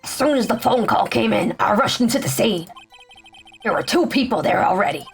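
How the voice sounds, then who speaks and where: A woman's voice: mid-range voice, lively intonation, a little fast, gravelly, soft background music. A woman voicing a bumbling male police detective in a game, answering in clipped, soldier-like replies. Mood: dutiful.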